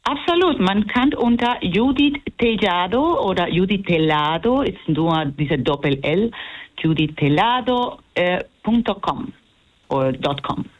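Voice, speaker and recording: Slow, hesitant Puerto Rican woman. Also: fairly low pitch, lively intonation, highs cut off. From Puerto Rico. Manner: hesitant, searching for words, warm and laughing. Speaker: musician guest. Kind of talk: radio interview.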